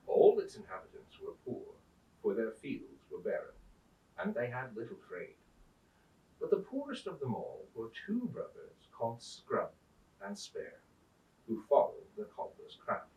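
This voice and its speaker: A man's voice: mid-range voice, highs cut off. Guy doing jolly old santa reading storybook poems, dramatic and lilting, roomy echo, mic kinda far off. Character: jolly old Santa Claus reading Christmas stories aloud. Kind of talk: theatrical storytime reading of old verse and tales. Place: indoors in a museum house. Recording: roomy echo, distant microphone.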